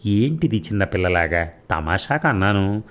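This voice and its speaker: A man with a low voice reading the lines of a playful, coaxing young man in a storybook. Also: big pitch swings, normal speed, a bit bright. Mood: teasing. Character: young man, teasing yet caring lover.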